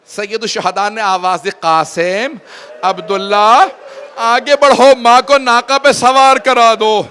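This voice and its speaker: High-pitched bright male preacher. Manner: recites tragic narrative, rising to loud wailing climax; addresses audience directly. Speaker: Shia preacher. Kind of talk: Muharram majlis sermon.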